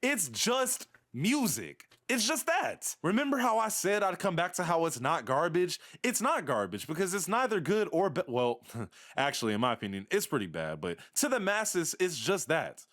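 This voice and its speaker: A man's voice: high-pitched, moderate pace. A young man delivering a sarcastic, slang-heavy rant about music in a commentary video. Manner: animated, sarcastic ranting with blunt slang.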